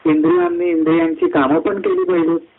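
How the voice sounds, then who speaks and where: A man giving a devotional discourse at a satsang, climbing high through lists of words and slowing down on key phrases. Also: very animated, vocal fry. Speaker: satsang speaker. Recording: tinny phone-like line.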